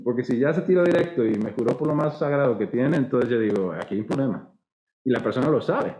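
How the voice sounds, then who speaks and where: Costa Rican pastor in an echoey hall. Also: male voice, mid-range voice, fast, dark tone. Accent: Costa Rican Spanish. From Costa Rica. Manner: dramatizes quoted voices, conversational preaching. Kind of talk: sermon.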